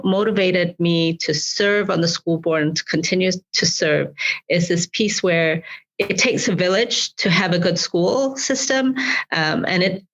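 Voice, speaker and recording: A woman's voice: on the low side, a bit bright, slightly rough, dull audio. A woman in her forties from Malawi, a school board president answering interview questions earnestly, often repeating words as she finds her phrasing.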